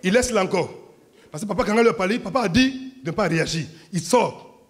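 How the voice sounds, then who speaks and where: A man's voice: high-pitched, brisk. A man preaching a sermon, telling stories animatedly and acting out scenes. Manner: animated storytelling, acts out scenes, laughs along. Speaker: pastor.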